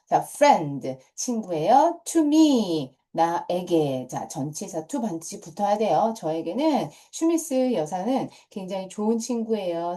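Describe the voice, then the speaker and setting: A middle-aged woman whose mid-range voice has a dark tone teaches English grammar to middle school students. Patient throughout, she repeats key points and often begins phrases with "자".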